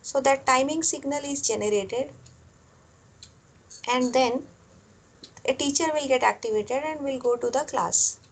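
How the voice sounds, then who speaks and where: Slow, high-voiced woman lecturer. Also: breathy edge, poor audio. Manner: explains step by step, repeats phrases, many fillers. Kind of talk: classroom lecture.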